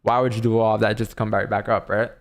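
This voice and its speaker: A man with a fairly low voice and a lot of vocal fry hosts a live stream. He gives casual commentary, thinking aloud in a loose, informal, rambling way. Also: level tone, fast. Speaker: live trading stream host.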